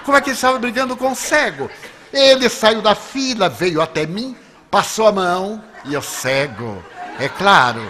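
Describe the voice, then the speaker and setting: Lively Brazilian man lecturing in a hall. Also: a little high, a little hiss or hum. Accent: Brazilian Portuguese. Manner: animated, playful storytelling. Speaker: spiritist lecturer. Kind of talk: public lecture with humorous anecdotes. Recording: long reverb of a lecture hall.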